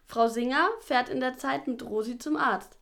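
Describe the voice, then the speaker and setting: A woman's voice: high voice, moderate pace, gravelly. Woman narrating a children's story. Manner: calm, explanatory. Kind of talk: scripted narration.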